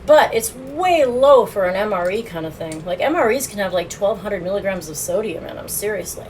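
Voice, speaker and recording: A woman's voice: medium pitch, expressive, fairly quick, a little mellow, a little hiss or hum, low-quality recording. A woman streaming a casual food review, chatting with her viewers and laughing often as she eats, recorded on a phone. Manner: chatty, laughs often, talks while eating.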